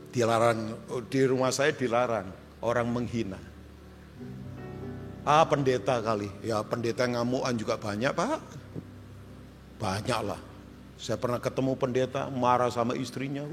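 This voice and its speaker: Animated pastor preaching in a reverberant hall. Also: male voice, medium pitch, unhurried, pauses often, faint music behind. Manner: animated preaching with jokes, swings from loud shouts to quiet. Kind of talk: sermon.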